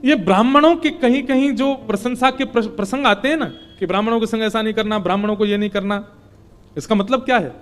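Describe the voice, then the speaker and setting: High-voiced male devotional storyteller. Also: fairly quick. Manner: emphatic, explanatory, chants Sanskrit verses. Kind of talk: devotional scripture storytelling sermon.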